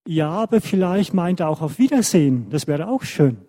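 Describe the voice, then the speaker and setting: A man voicing a warm, practical mother in a told children's story, coaxing and gentle. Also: a little high, expressive, normal speed, big-room sound.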